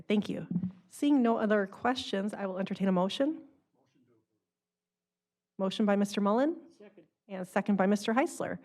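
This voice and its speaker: A woman chairing a city council meeting, calling motions and votes in a brisk procedural way. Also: mid-range voice, darkish tone. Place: council chamber.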